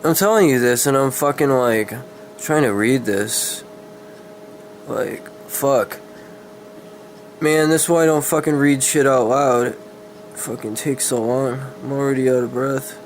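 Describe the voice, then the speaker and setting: Reading fantasy horror dramatically, a medium-pitched man goes a little slowly and pauses often, tripping over words and fixing his mistakes. The recording is rough, with clear background noise.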